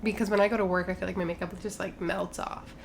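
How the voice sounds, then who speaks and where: A young woman co-hosting a laid-back podcast, her voice edged with vocal fry. She chats loosely, peppering every thought with fillers. A faint low ambience sits under the recording. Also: steady tone, quick pace, a little hiss or hum. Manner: chatty, lots of fillers and "like". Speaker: podcast co-host. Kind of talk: casual chat.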